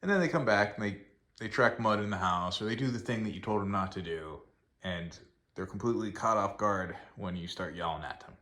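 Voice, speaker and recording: A man's voice: on the low side, fairly quick, pushed and bright. A man casually explaining to the camera how to handle a dog that misbehaved, rambling with restarts. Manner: baby talk to his dogs. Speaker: dog owner vlogger.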